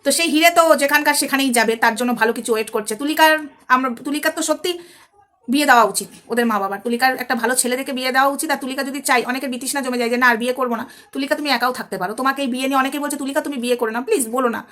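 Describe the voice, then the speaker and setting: A woman's voice: high voice, very fast, fairly bright tone. A woman talking straight to her viewers in a heated commentary vlog, scolding and angry. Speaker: social media commentator.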